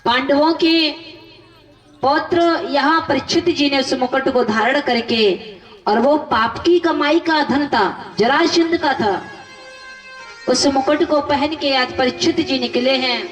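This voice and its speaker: A woman's voice: high-pitched, takes it slowly. A woman preacher telling scripture stories in a devotional sermon, repeating lists and asking rhetorical questions. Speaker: religious storyteller preacher. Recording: echoey hall from far off with music.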